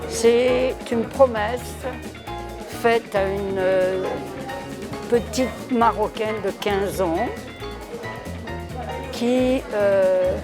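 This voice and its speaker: Slow, halting woman author. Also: medium pitch. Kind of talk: interview soundbite.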